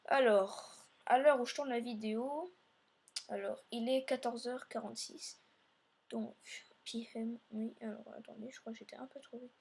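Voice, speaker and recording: A woman's voice: a little high, fairly even intonation, normal speed, a little mellow, slightly rough. A woman hosting a let's play, narrating her gameplay in a meandering way and talking straight to her viewers. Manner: meandering, filler-heavy narration while playing; speaks directly to viewers.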